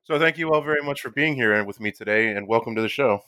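A man's voice: medium pitch, quick pace, sharp tone, dry recording. A man hosting a podcast interview, reading a polite and formal introduction before he questions his guests. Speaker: podcast host.

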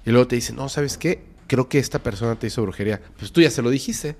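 A man with a Mexican accent tells a frightening personal story on a podcast. His voice sits at an ordinary middle pitch. He shifts between hushed whispers and sudden loud emphasis for drama. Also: fast talker. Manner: dramatic, drops to whispers and bursts of loudness. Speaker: podcast guest.

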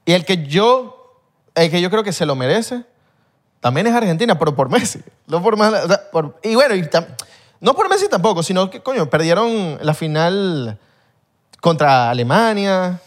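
A man's voice: sits high, sing-song, normal speed. A man co-hosting a podcast in casual chat, rambling and correcting himself as he goes. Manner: rambling, self-correcting, slangy. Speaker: podcast co-host.

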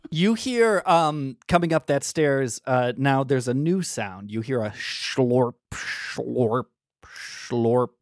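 A man's voice: mid-range voice, expressive, unhurried, hardly any pauses, no echo, studio quality. A man narrating a tabletop game as game master, rambling with many fillers and sound effects.

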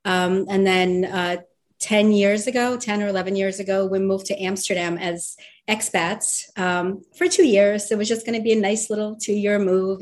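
A woman's voice: medium pitch, darkish tone. A middle-aged woman from Belarus, telling her own story conversationally as a podcast guest. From Belarus, moved to the US at twelve. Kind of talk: conversational personal storytelling in an interview.

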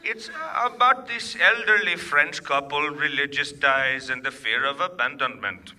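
An eager, courteous ghostwriter in a radio comedy sketch. His voice is very bright and sits a little high, with a patient, upbeat politeness. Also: measured pace. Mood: polite. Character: polite cheerful hidden ghostwriter man, eager to please. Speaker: sketch character.

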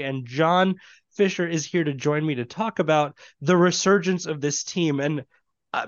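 A man's voice: a little high, muffled recording. A jovial man hosting a podcast with casual sports talk. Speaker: podcast host.

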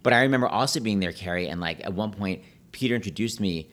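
Fast-talking, chatty middle-aged man. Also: on the low side. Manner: chatty, animated, peppered with "like". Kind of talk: casual storytelling chat.

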